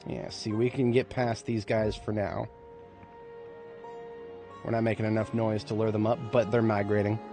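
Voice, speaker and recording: A man's voice: fairly low pitch, little pitch movement, moderate pace, long pauses, warm tone, faint music behind. A man giving casual, rambling commentary on a game as a streamer, with playful, self-mocking remarks. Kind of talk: casual let's-play commentary.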